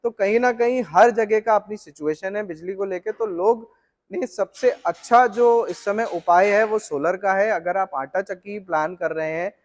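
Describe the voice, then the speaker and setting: A middle-aged man with a fairly high voice walks through flour mill machinery for the viewer. He explains each part in a steady, technical way. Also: moderate pace. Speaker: flour mill equipment seller. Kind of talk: explanatory product walkthrough.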